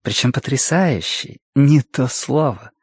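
A man's voice: mid-range voice, unhurried, slightly rough, dry recording, clean studio sound, voice pushed up. A man reading an audiobook voices a flirtatious woman gallery owner who purrs and teases. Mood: purring, teasing. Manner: purring, teasing, playful.

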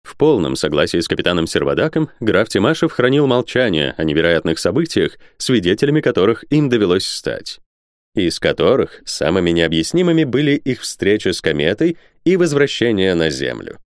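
A man reading a novel aloud as an audiobook narrator, with expressive delivery. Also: sits low, no room sound, studio quality. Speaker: audiobook reader. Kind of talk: scripted narration.

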